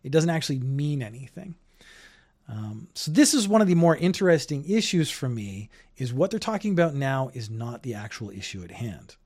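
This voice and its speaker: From his home in Japan, an older Canadian man chats through his own podcast in a rambling, opinionated solo commentary. His medium-pitched voice is a little mellow and sing-song, at a normal speed.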